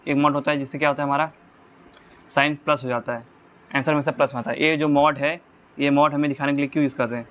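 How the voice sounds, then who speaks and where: A man's voice: on the high side, steady tone, fast talker, fairly bright tone, lo-fi sound. Man teaching physics step by step. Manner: explains step by step, asking the class rhetorical check questions. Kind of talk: whiteboard physics lesson.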